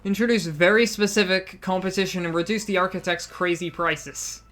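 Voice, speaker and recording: A woman's voice: lowish voice, steady tone, moderate pace, a bit bright. A young woman casually commenting on gameplay, reading item text aloud in a chatty, self-mocking way. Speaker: game streamer.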